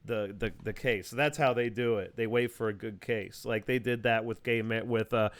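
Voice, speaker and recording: Smooth-voiced man rambling over a call. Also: mid-range voice, steady tone, normal speed. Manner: rambling, explanatory, many fillers and restarts. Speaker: host. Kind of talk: casual chat over a video call. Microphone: video call mic.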